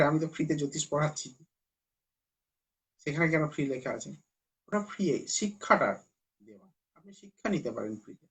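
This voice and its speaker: Earnest Bengali astrologer, higher-pitched man. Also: a bit bright. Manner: earnest, lecturing, urging viewers. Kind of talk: live stream talk to viewers.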